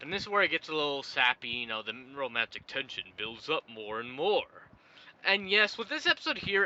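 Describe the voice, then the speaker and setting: A man's voice: on the high side, sharp tone, muffled recording. A man casually recapping a cartoon episode for his show, rambling and chatty. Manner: rambling, chatty, laughs at his own jokes. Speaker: YouTube show reviewer.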